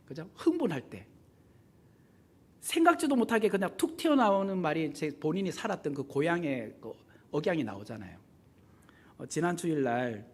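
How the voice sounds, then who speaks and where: A man preaching a sermon as pastor in a church, animated and conversational, acting out the voices he quotes and asking the congregation questions. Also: on the high side, breathy edge. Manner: animated, acts out quoted voices with big swings in loudness. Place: church sanctuary.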